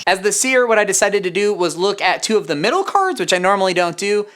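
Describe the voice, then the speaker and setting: A game host talks through rules in a casual, explanatory way. The voice sits at a middle pitch, and the room around it echoes noticeably. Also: big pitch swings, fast talker, noisy background. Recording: roomy, echoey room sound.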